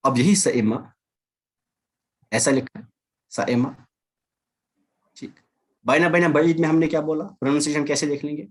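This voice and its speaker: A man's voice: a little high, fairly even intonation. A man teaching an online language class over a video call, patiently repeating and drilling examples. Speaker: Arabic teacher.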